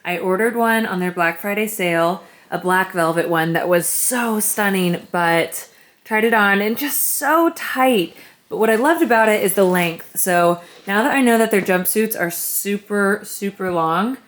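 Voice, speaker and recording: A woman's voice: mid-range voice, unhurried, echoey room. A woman chatting in a gushing, bubbly way as she shows off gifts in her bedroom for a vlog. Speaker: vlogger. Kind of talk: casual haul vlog chat. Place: home bedroom.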